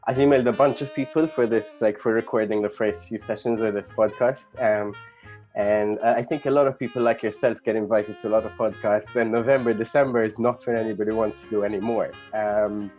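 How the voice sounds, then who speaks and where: Man, podcast host, lowish voice, hesitant and rambling, faint music behind. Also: steady tone, fairly quick, a little mellow. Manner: hesitant, rambling, many fillers and restarts. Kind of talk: casual interview chat.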